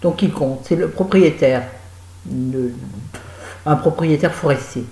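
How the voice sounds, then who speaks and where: A woman's voice: low-pitched, slow pace, dark tone, echoey room, low-quality recording. A woman giving a chatty, digressive spoken book review, talking straight to her viewers.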